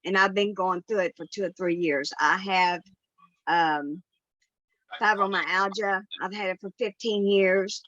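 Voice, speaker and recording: A woman's voice: medium pitch, a little slow, a bit bright, no room sound, highs cut off. A woman attendee sharing her struggles in a tearful, hesitant voice. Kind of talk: emotional sharing.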